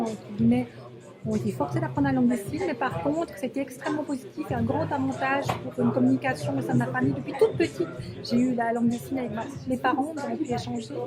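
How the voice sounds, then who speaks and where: A woman sign language interpreter voicing an interview in the first person, halting and searching for words, in a café. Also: high voice. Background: loud music.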